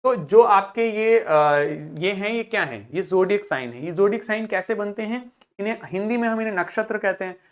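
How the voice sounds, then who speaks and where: A woman teaching a vocabulary lesson to students, explaining terms, asking check questions and repeating each word slowly for pronunciation practice. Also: medium pitch. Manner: drills pronunciation by slow repetition; asks rhetorical check questions.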